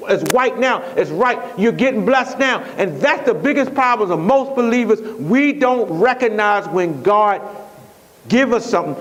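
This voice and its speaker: Male pastor, high voice, conversational sermon, repeats and restarts phrases. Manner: repetitive, conversational preaching with restarts.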